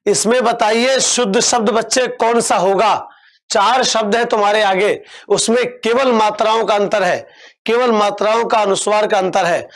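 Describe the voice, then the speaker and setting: A young man teaching an online exam-prep class, coaxing his students and repeating words slowly. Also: high-pitched, gravelly.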